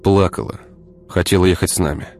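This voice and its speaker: A man's voice: low voice, steady tone, a little fast, a little mellow, soft background music. A man voicing a weary, troubled man who speaks curtly and sighs. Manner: gruff, sighing, curt.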